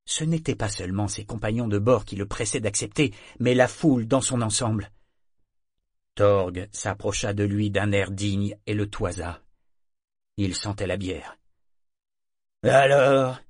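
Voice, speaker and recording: A man narrating a story in a steady, scripted audiobook reading. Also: fairly low pitch, measured pace, dry recording, studio quality.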